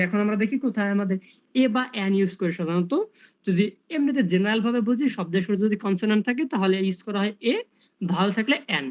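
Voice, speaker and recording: A man's voice: sits high, highs cut off. A man tutoring English grammar in a casual online lesson, explaining step by step and asking rhetorical questions.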